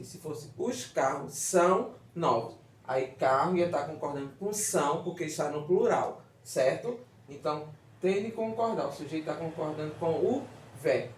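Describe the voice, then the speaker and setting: A man with a Brazilian Portuguese accent teaching a grammar lesson, explaining step by step and often checking that the class follows. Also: fairly high pitch. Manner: explanatory, checks understanding with "certo?" and "tá vendo?". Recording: echoey room, distant mic.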